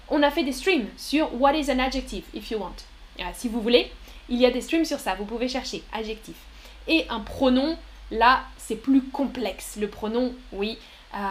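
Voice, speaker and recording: A woman teaching French on a live stream, patiently explaining grammar with examples and often praising viewers' answers. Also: fairly high pitch. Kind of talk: live-stream language lesson answering chat.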